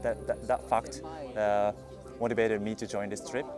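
A man's voice: lowish voice, flat delivery, normal speed, over music. A young man in his twenties from Fukushima, a Japanese native speaker and university student, talking hesitantly in English in an outdoor interview. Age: 20s. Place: outdoors by green bushes. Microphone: lapel mic.

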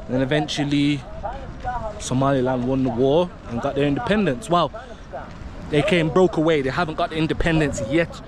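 English man in his 30s, travel vlogger, casual, slightly high voice, street crowd chatter behind. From England. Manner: simplified broken English with locals, animated. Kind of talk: casual vlog chat. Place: outdoors on a busy city street. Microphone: handheld camera at arm's length. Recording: outdoor street with loud chatter. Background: crowd of people and traffic.

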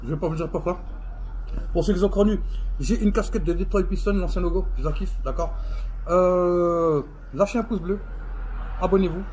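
A man's voice: sits high, normal speed, long pauses, darkish tone, slight background noise, poor audio. A young man in a face mask signing off a casual food vlog outdoors, chatty and calling his viewers family. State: talking through a face mask. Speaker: food vlogger.

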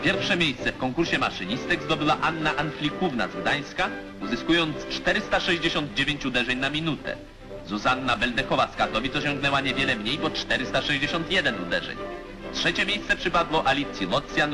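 A man's voice: medium pitch, animated, brisk. A man giving formal, declamatory narration for an old 1950s newsreel. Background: music.

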